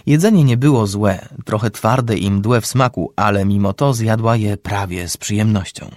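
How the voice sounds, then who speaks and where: A man reading a story aloud in a measured, even storytelling manner, giving the characters light voices. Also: lowish voice, no room sound, studio quality. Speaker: narrator. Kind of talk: audiobook-style story reading.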